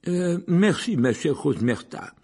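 A man's voice: a little high, very animated, takes it slowly, husky, voice pushed up, exaggerated voice. A man voicing a pompous middle-aged official who blusters and stammers. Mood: blustering. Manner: hesitant stammer, blustering, hushed at times.

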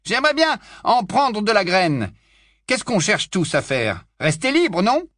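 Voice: medium pitch, very animated, a little slow, a bit bright, no echo, clean studio sound, voice pushed up. A reader doing a scornful, blunt grown man.

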